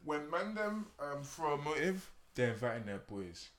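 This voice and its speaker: A man's voice: on the high side, sing-song, moderate pace. A young man with a London roadman accent in a casual group chat, talking in street slang and pressing his points emphatically. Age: young adult. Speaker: podcast co-host.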